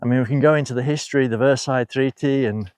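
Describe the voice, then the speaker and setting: A man's voice: mid-range voice, quick pace, darkish tone, smooth, dry recording. A man talking casually to camera, chatty and digressive, with asides and rhetorical questions. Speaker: video host. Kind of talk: casual spoken commentary.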